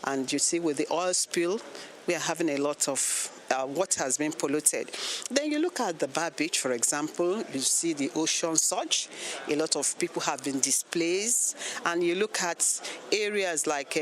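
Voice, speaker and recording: A woman's voice: low-pitched, expressive, normal speed. A woman with a Nigerian English accent, a teacher and NGO delegate, answering an interview in earnest, sometimes repeating words as she searches for them.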